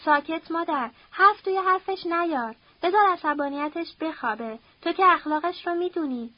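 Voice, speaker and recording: A woman reading an audiobook, voicing a scornful, sharp-tongued middle-aged mother. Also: very high voice, no room sound, muffled recording.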